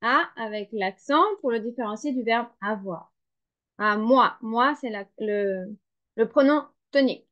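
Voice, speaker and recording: Slow, careful woman teacher, high voice. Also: fairly bright tone. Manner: slow, careful, spells and explains each word. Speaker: French teacher. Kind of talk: slow dictation lesson. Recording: dull lo-fi sound.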